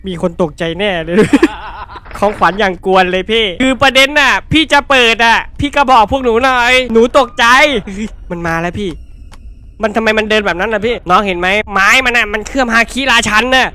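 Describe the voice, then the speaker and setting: A man's voice: high-pitched, fairly quick, bright, forceful tone. A man playing a horror game on his channel, talking to viewers and letting out startled yelps and laughs. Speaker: gaming YouTuber. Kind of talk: excitable horror game commentary.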